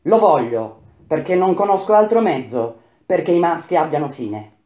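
A woman's voice: deep voice, expressive, normal speed, mellow. A woman voicing a fierce, proud warrior queen, speaking in a curt, cold, defiant manner. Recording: roomy echo.

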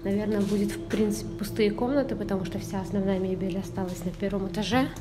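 A woman's voice: medium pitch, steady tone, fast. Woman exploring, voice echoing in rooms. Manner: chatty, half-hushed, often drops to a whisper. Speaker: urban explorer vlogger. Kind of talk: walking tour commentary. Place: abandoned building, indoors. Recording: echoey empty rooms with music. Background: background music.

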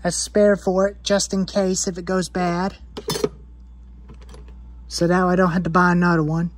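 A woman's voice: fairly low pitch, little pitch movement, a little slow, noisy background. Young woman rambling through a garage tour. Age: 20s. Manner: rambling, repeats phrases, lists parts. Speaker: chainsaw hobbyist vlogger. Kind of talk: rambling show-and-tell in a workshop. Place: cluttered garage workshop.

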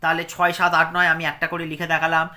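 Bright-voiced Bengali teacher spelling slowly. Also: male voice, a little high, completely flat delivery. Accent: West Bengal. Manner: slow syllable-by-syllable spelling aloud. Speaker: primary school teacher. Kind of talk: reading lesson for young children.

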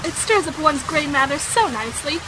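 In a period romantic audio drama, a woman plays a headstrong, outspoken, candid young girl with a defiant, theatrical, emphatic delivery. Her high-pitched voice is expressive and brisk, and the poor-quality recording carries crowd noise.

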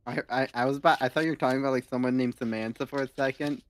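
A man's voice: medium pitch, steady tone, racing. A man joining a group voice chat, joking around in a mock-boastful way. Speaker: guest streamer in a voice chat. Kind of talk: casual gaming chat.

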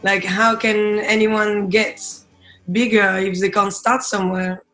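Speaking with a French accent, a young woman from France who sings in a band chats casually during a video-call interview. Her medium-pitched voice is bright and forceful, level in tone and measured in pace, recorded indoors by a window with roomy echo and music behind.

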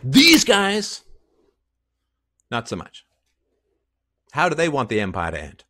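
Angry ranting man, lively pitch swings. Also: takes it slowly. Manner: angry, sarcastic, profane, swings from low mutters to loud outbursts. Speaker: podcast host. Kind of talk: impassioned solo rant to camera. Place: small indoor room with plain wall.

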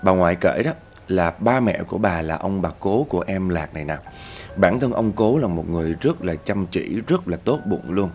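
This male host tells a ghost story aloud, chatting straight to listeners, addressing them as "các bạn" and raising his pitch whenever the tension builds. He is expressive, with a moderate pace and a darkish tone, and a little hiss or hum sits behind him.

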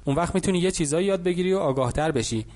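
A man voicing a wealthy, confident older mentor who lectures calmly in an audiobook. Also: fairly high pitch, close to an everyday voice. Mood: lecturing.

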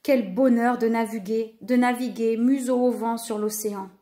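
A woman narrating a children's story in a lively, expressive way. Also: a little high, moderate pace.

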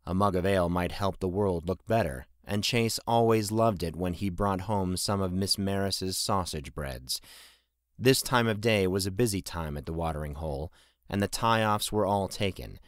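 A man narrating a fantasy audiobook in a measured, even way. His voice sits low. The recording is close and dry. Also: no room sound. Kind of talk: scripted narration.

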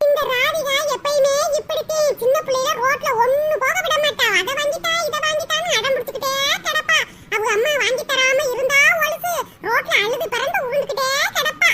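Rani akka, a squeaky gossipy neighbour woman. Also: a little fast. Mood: gossiping. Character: gossipy village neighbour woman, nosy and sympathetic. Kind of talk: cartoon voice acting. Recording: loud background noise.

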